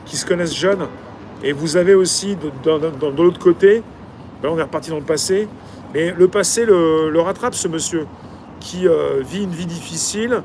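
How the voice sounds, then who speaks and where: A man's voice: on the high side, darkish tone. A man who hosts his own channel, reading passages from a novel aloud and chatting about them with many fillers and restarts. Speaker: YouTube channel host. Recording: noisy with traffic outside.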